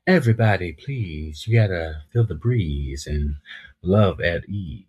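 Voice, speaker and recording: Deep husky man in his thirties. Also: a little slow, lo-fi sound, soft background music. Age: 30s. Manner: animated, repeats words while gathering thoughts. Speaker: podcast co-host. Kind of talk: casual podcast chat.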